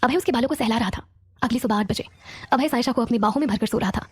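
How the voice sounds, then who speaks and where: Fast-reading woman storyteller. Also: fairly high pitch, slightly rough. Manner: steady storytelling. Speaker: narrator. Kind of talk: scripted story narration.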